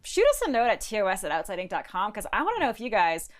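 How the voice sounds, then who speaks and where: A woman co-hosting an outdoors show in a studio, chatting playfully with quick jokey asides. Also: medium pitch, big pitch swings. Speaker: co-host. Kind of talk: casual studio chat.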